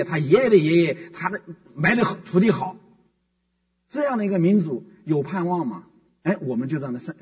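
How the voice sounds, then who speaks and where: A man's voice: sits high, darkish tone, husky. A man preaching a sermon as pastor, emphatic and fond of rhetorical questions. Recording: muffled, echoey hall from far off.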